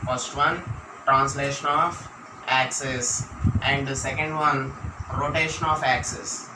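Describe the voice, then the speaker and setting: A maths teacher with an Indian accent and a fairly high voice lectures exam students at a board, dictating points and repeating phrases. He is some distance from the microphone in a roomy, echoing space, with clear background noise throughout.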